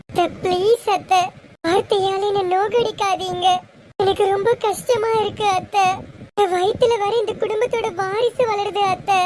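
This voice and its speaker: A woman playing a pleading young wife, high and soft-spoken. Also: fairly even intonation, normal speed, slight background noise, low-quality recording.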